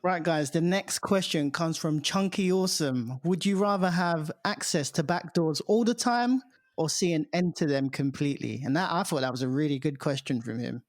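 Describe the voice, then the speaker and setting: A man from the UK hosting a casual podcast, relaxed as he reads out listener questions. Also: on the high side, normal speed, no echo, studio quality. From United Kingdom. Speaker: podcast host. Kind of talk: casual chat.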